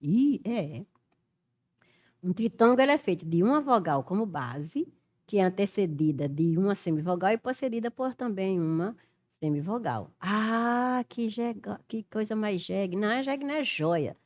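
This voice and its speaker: Middle-aged Brazilian woman, lively Portuguese teacher reasoning aloud through exam questions. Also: medium pitch, normal speed, muffled recording. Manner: animated, thinks aloud, spells letters out. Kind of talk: exam-prep lesson, working through questions.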